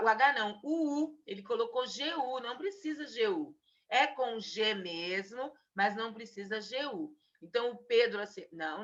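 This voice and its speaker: A woman teacher giving a remote spelling lesson to children on a video call, slowly stretching out each word she dictates. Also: a little high, sharp tone. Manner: patient, drawn-out dictation of single words. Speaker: primary school teacher. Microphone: video call mic. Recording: dull lo-fi video call audio.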